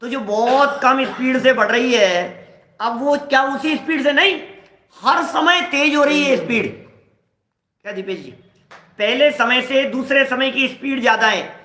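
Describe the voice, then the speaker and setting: A man's voice: very high-pitched, unhurried, bright, forceful tone, reverberant. A middle-aged man teaching a scripture class in a conversational way, explaining with everyday examples and acting out quoted dialogue. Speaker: religious teacher.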